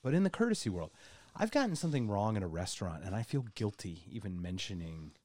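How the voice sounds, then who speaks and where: Homme grave et expressif au micro sec. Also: male voice, very animated, fast, darkish tone, dry recording. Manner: playful, over the top, breaks into high squeals of delight. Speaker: podcast co-host. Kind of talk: casual banter.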